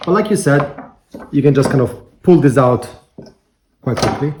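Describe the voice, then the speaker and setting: A man's voice: mid-range voice, lively intonation, normal speed. A man doing a casual, hands-on product review in an easygoing, joking way. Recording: roomy echo, background noise, clicks.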